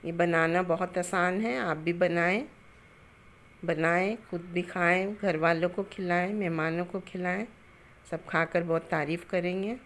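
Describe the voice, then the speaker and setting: Calm and homely, this middle-aged woman hosts a cooking show, guiding viewers through a recipe step by step in her kitchen and sharing greetings and blessings. Her lowish voice keeps a measured pace, with slight background noise in the recording.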